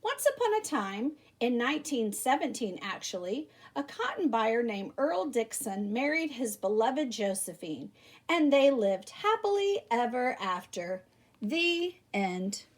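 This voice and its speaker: A woman teacher reads a picture book aloud a little slowly, her high voice swinging broadly in pitch as she emphasizes words for a young audience. The performance is lively and dramatic, marked by exclamations and rhetorical questions.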